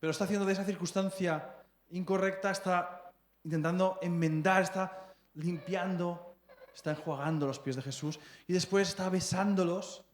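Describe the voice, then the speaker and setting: With a high, steady voice and a moderate pace, this man in his thirties from Spain preaches to his congregation in a conversational way. He often checks in with them, stumbling and repeating words as he searches for phrasing, while the church hall echoes around him.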